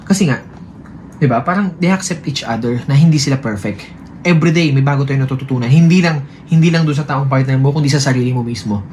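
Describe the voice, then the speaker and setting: A man talks quickly and earnestly about relationships in a casual chat, slipping English phrases in and circling back over his points. His voice sits at a middle pitch, with a faint hiss of room noise behind him. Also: a little mellow. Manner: earnest, mixes English into Tagalog, repeats phrases. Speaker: vlogger talking with his partner.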